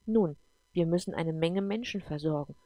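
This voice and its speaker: A woman reading a calm, patient man. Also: on the low side, moderate pace, no room sound, highs cut off, natural voice. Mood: patient, explaining. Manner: patient, explanatory. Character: calm adult man explaining his world.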